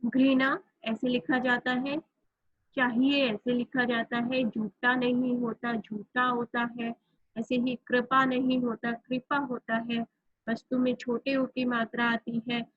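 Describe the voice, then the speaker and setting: A woman's voice: a little high, level tone, unhurried, no room sound, narrow, tinny audio. A woman teacher who explains a grammar lesson step by step, spelling out words letter by letter. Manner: explains step by step, often says "theek hai".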